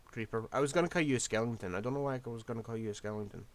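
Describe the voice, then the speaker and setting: Talking very fast in a medium pitch, this streamer gives scattered, self-deprecating commentary as he plays, his voice fading as he goes. He rambles casually throughout.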